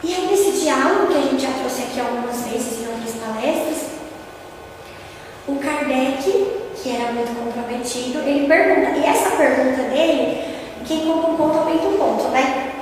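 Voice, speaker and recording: A woman's voice: high voice, normal speed, darkish tone, slight background noise. A woman with a Brazilian Portuguese accent giving a spiritist lecture to an audience. She speaks in an earnest, teaching tone and often checks in with her listeners. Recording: echoey hall recorded from far off, faint ambience.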